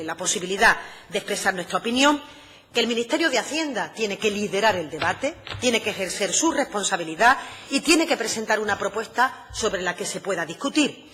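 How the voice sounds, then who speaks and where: A middle-aged woman, a regional finance minister, giving a formal parliamentary address in a measured, emphatic way, with frequent "eh" hesitations. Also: mid-range voice, fairly bright tone, big-room sound.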